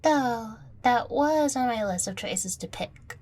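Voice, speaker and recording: Speaking breathily and close to the listener, a woman portrays a playful young catgirl girlfriend who is affectionate, teasing, and coy in an audio roleplay. Her slightly high, darkish voice is animated, and she takes her time.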